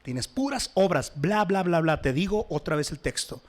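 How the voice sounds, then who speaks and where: A man preaching a sermon, his voice sitting a little high for a man. He swings from loud, emphatic exhortation to quieter, conversational asides to his congregation. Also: lively intonation, normal speed. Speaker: pastor.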